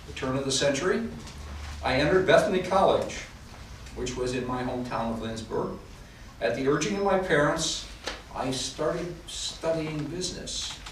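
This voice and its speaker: An actor in a historical reenactment plays a genial older art professor hosting guests, delivering a courteous, formal period monologue. His mid-range voice sounds close to everyday speech, picked up by a distant mic in a large, echoey room of a house with noisy, audible ambience.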